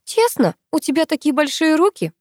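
A woman voicing a sharp-tongued, jealous young woman who talks sarcastically. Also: high-pitched, big pitch swings, moderate pace, no room sound, clean studio sound, pitched above the performer's own voice. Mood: indignant. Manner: sarcastic, indignant.

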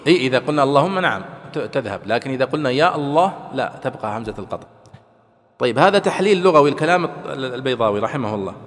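A male teacher giving a classroom lesson on a classical text, lifting his voice to quote and stress examples and dropping low to close each point. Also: lively intonation, very fast, a bit bright. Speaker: teacher of Quran commentary. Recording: long reverb of a large hall.

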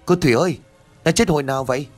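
A man's voice: fairly high pitch, rapid-fire, darkish tone, faint music behind, pitched above the performer's own voice, close to an everyday voice. A man voicing an earnest young man pleading for the truth in an audio ghost story.

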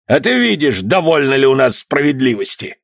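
A man voicing a gruff, threatening one-eyed male pirate in a read-aloud story. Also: medium pitch, sing-song, brisk, fairly bright tone, no echo, clean studio sound, pitched above the performer's own voice, full character voice. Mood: menacing. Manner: threatening, sneering.

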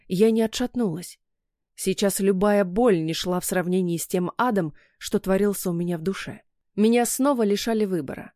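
A woman reading a first-person audiobook in a measured storytelling manner. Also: medium pitch, dark tone, no room sound, studio quality. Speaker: audiobook narrator.

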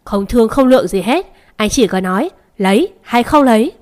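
Woman doing a shrill domineering stepmother. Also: animated, moderate pace, a little mellow, lightly acted. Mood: shrill, threatening.

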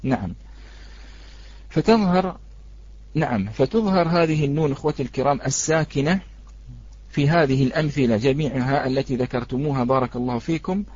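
A man teaching a Quran recitation lesson, patiently repeating his points and slowly reciting examples. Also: medium pitch, darkish tone, dry recording. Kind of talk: online tajweed lesson. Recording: dry, slightly dull.

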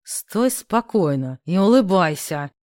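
A woman's voice: lowish voice, animated, moderate pace, darkish tone, no echo, studio quality, lightly acted. Woman putting on a smug, bossy rich guy. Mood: commanding. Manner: smug, teasing, hissing orders. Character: mocking, bossy rich young man.

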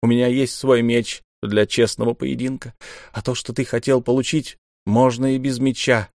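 A man's voice: mid-range voice, little pitch movement, normal speed, a little mellow, dry recording, studio quality, natural voice. A man voicing a proud, desperate young noble duelist, pleading in heated, raised outbursts.

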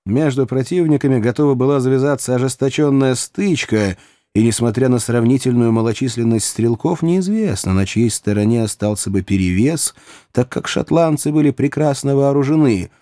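A man narrating an audiobook in an even, measured way. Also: medium pitch, no room sound, clean studio sound. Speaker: audiobook reader.

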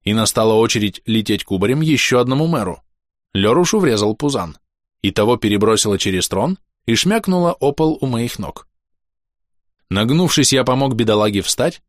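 A man narrating a first-person fantasy action audiobook with brisk, vivid reading. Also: mid-range voice, dry recording, clean studio sound.

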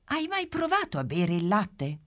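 A woman's voice: mid-range voice, huge pitch swings, unhurried, voice pushed up. Pimpa, a woman doing a chirpy puppy. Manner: eager, bouncy, asks lots of questions. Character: cheerful curious little female puppy. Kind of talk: storybook character voice.

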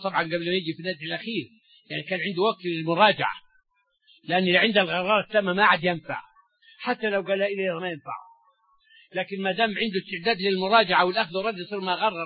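Older man, sermon commentary, high-pitched, lo-fi recording. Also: no echo. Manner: colloquial storytelling mixed with recited verses, stammering restarts. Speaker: Islamic scholar giving a Quran commentary lesson. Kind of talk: sermon-style Quran commentary. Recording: dull lo-fi dry recording.

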